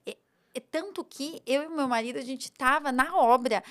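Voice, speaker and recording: A woman with a Brazilian Portuguese accent and a notably high voice, speaking as a podcast guest. She tells her story with animated feeling and voices her own thoughts as she goes. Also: moderate pace.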